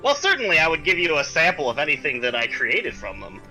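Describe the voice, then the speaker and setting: A man's voice: on the high side, wildly swooping pitch, fast, bright, forceful tone, faint music behind, heavily acted, poor audio. A man voicing a chatty, eccentric male alchemist shopkeeper who rambles and wheedles. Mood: wheedling. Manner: eager, conspiratorial, rambling with filler.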